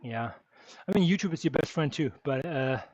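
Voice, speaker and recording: Pedaling through an indoor session, this German streamer answers his livestream viewers in an easygoing way, musing aloud and filling gaps with ums. His slightly high voice is animated and darkish, at a moderate pace. There's no echo, just a dull, dry lo-fi sound.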